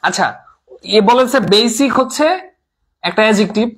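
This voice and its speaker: A man with a high voice teaches a live online class at a normal pace, repeating terms and asking questions that he answers himself. He mixes English words into his speech and reads out viewer comments.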